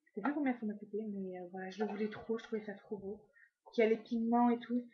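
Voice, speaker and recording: A woman's voice: mid-range voice, steady tone, quick pace. Chatty French woman, lo-fi sound. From France. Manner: chatty, many fillers and trailing asides. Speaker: beauty vlogger. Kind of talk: casual makeup haul. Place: at home, indoors.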